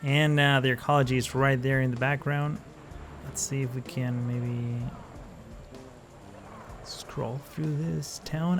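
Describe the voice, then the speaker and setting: A man giving casual gameplay commentary as the host of his channel, rambling with many fillers and self-corrections. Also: fairly high pitch.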